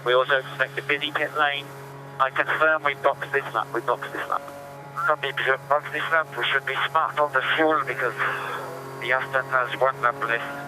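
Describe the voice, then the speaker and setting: A man's voice: mid-range voice, steady tone, normal speed. A race engineer, a man, giving a terse pit radio call over team radio and repeating his instructions. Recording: noisy team radio with car hum.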